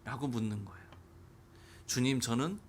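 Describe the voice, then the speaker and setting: A man preaching a sermon as pastor, animated, acting out dialogue. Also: mid-range voice, moderate pace, husky.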